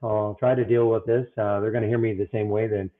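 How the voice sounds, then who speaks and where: A man's voice comes through muffled, as if from the other side of a wall, picked up by earbuds rather than a proper mic. The sound is thin and phone-like. He talks in a flustered, halting way, full of fillers and restarts. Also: on the low side, little pitch movement. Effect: muffled, as if heard through a wall. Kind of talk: casual chat. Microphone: earbuds instead of his microphone.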